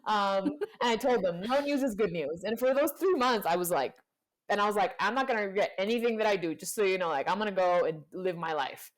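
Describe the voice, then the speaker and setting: In a casual conversation, a young woman guest from Panama and Colombia recounts a personal story, acting out what people said and filling it with "like." Her mid-range voice is brisk, with lively intonation.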